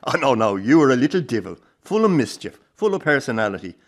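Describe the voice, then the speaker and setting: In naturalistic radio drama acting, a man plays a warm but disillusioned old Irish circus grandfather, plain-spoken and rueful, with a salty turn and a fond heart. He sounds fond and reminiscing, and his medium-pitched voice moves quickly with big pitch swings.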